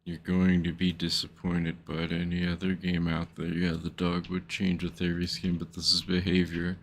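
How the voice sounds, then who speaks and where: A man's voice: deep voice, monotone, normal speed, gravelly. A man streaming a game, talking casually in a blunt, grumbling, sarcastic way. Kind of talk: casual live-stream chat.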